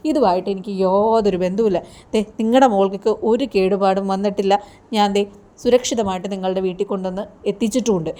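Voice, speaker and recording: A woman's voice: medium pitch, fast talker, warm tone, close to an everyday voice. A woman voicing a brusque young male thug who dismisses his new wife, in a TV serial recap. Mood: dismissive.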